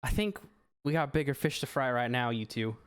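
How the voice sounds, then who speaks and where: A man voicing an exhausted male superhero, talking high and breathless with weary relief. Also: very animated, measured pace, no room sound, clean studio sound. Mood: weary, relieved. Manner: pitched up high, breathless and grateful.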